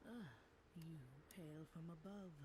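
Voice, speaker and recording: A woman's voice: lowish voice, takes it slowly, mellow, husky, no echo, heavily acted. A woman playing a solemn troll guide in a scripted fantasy game.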